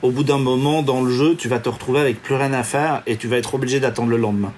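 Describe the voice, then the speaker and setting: A man's voice: medium pitch, fairly even intonation, quick pace, darkish tone, faint music behind. A man co-hosting a podcast, chatting casually and explaining eagerly over a remote call. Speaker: podcast co-host. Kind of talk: casual chat.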